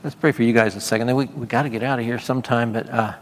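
This clip captures a fervent prayer and sermon delivered at a church service by a visiting preacher who repeats himself. He speaks very fast in a mid-range, fairly even voice, and the reverberant hall recording carries a little hiss or hum.

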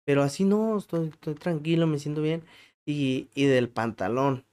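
Mexican man, podcast host, casual comic monologue, crude slang, self-mocking, slightly high voice. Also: moderate pace, darkish tone, clean tone. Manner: crude slang, self-mocking, laughs at his own stories.

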